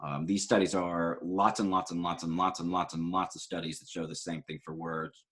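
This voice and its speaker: A man with a very low voice gives a recorded psychology lecture. He walks through study results casually, with plenty of "um"s and self-corrections. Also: level tone, normal speed, a bit bright. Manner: conversational, many fillers and self-corrections.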